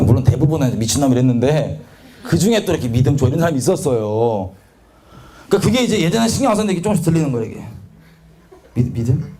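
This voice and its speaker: A man's voice: on the high side, a little mellow. A man preaching a confessional testimony sermon, candid and self-mocking, acting out the voices of the people he quotes. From South Korea.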